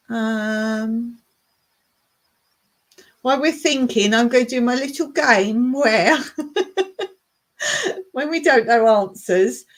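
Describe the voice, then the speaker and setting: A woman with a fairly high voice hosts a relaxed livestream, thinking out loud at an unhurried pace. She reads viewers' chat comments aloud and chuckles often as she plays a guessing game. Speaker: livestream host. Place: home in rural Cyprus.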